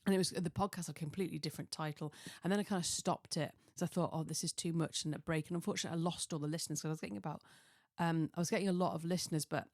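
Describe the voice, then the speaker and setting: Talking rapid-fire with hardly a pause, a podcast host rambles through her casual solo show, making self-deprecating remarks and slipping into tangents. She's a woman with a fairly low, slightly croaky, darkish voice and a steady tone. It's recorded close and dry in a small home office, without any room sound.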